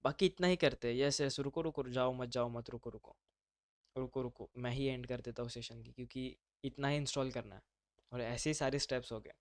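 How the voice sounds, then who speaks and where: A man's voice: medium pitch, a little fast, dry recording, studio quality. A man teaching a live online class, talking casually and mixing in English terms. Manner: casual, brotherly, mixes English terms into speech.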